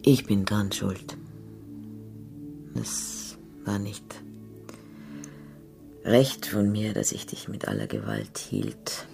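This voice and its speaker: An actress in a radio play voicing a weary older woman who is remorseful, speaking in a hushed, broken way and often whispering. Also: extremely low pitch, very animated, extremely slow, gravelly, pauses often, faint music behind, exaggerated voice. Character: weary older woman, remorseful, letting her young lover go.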